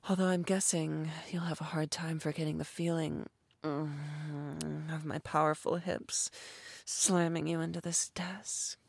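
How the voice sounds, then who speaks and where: A woman's voice: low voice, little pitch movement, measured pace, gravelly, dry recording, full character voice. A woman voicing a dominant, teasing female creature in humanoid form, speaking in a sultry, commanding way and often whispering close to the mic. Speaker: voice actor. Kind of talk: intimate audio roleplay.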